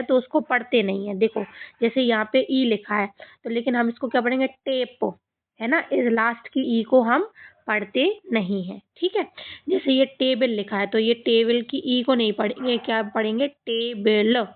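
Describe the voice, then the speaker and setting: A woman teacher giving a reading lesson to children, who patiently repeats each word and keeps asking the kids questions. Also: on the high side. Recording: tinny phone-like sound.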